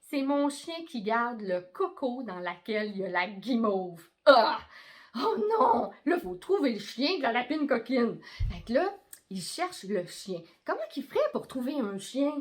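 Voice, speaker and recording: A middle-aged woman with a Québécois accent improvising an Easter story with her daughter in a coaxing, animated way. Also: on the high side, normal speed. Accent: Québécois French. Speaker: mother telling story.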